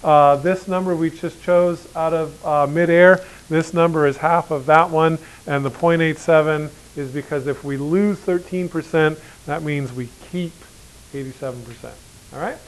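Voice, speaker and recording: A man with a slightly high voice teaches a classroom math lesson in a loose, joking way. He keeps asking the class questions as he works through each step on the board. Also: steady tone, moderate pace, low-quality recording. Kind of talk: classroom lecture.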